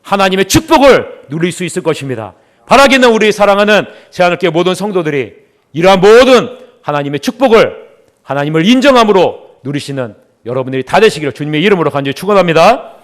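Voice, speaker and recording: A man's voice: high-pitched, big pitch swings, fast talker. A young male pastor delivering an impassioned Sunday sermon, repeating refrains and calling the congregation to respond.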